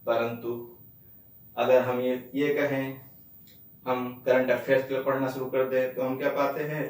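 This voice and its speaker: A male teacher giving an exam-prep lecture who repeats key words and asks himself questions, then answers them. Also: mid-range voice. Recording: echoey room, mic at a distance.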